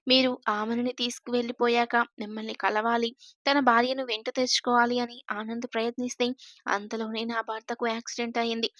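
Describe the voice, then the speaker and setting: A woman voicing a gentle, emotional elderly grandmother in a storybook reading, speaking softly. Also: a little high, little pitch movement, fairly quick, dry recording, studio quality, lightly acted. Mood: tender.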